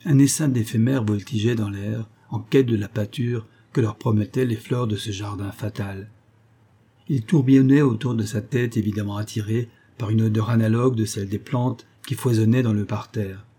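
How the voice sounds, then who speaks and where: A man calmly narrating a literary tale, reading it aloud in a measured way. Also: on the low side, breathy edge.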